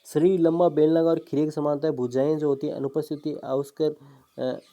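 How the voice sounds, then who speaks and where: Man, biology tutor, very dark mellow tone, repeats key terms, rhetorical questions, exam-prep lecture. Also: on the high side, little pitch movement, quick pace. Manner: explains step by step, repeats terms and asks himself questions; drops in fillers, "ठीक है" and "है ना". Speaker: biology teacher.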